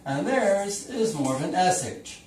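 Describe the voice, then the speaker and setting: This teacher has a high, sing-song voice that moves a little slowly and sounds slightly mellow, over light background noise. He's giving a folksy, talkative whiteboard lesson and keeps asking the viewer questions. It's recorded on a camera mic across a room, camera taped to the wall, so it sounds echoey and far off.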